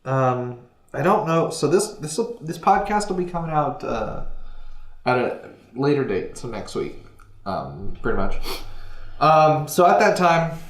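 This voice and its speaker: A man's voice: fairly high pitch, big pitch swings, measured pace. A young man hosting a casual gaming podcast, rambling and hesitant, often trailing off and restarting his sentences. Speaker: podcast host. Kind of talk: casual chat. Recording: echoey room.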